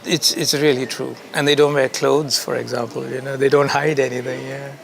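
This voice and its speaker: A man from India, a creative director, speaking as an interview guest in a relaxed, thoughtful way, often repeating words as he searches for them and laughing easily. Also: medium pitch, moderate pace, creaky. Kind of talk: casual conversation.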